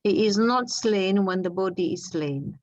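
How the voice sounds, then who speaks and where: A woman with a Mauritian accent and a mid-pitched voice speaks in a measured reading style. The laptop call sounds dry and a little dull. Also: animated, dry recording. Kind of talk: measured reading aloud of scripture translation. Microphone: laptop on an online call.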